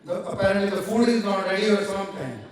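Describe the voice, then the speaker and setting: A man's voice: high voice, quick pace, a crowd in the background. A middle-aged man with an Indian accent giving a joking, self-deprecating wedding speech as the bride's uncle. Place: large reception hall. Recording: echoey banquet hall, mic far off.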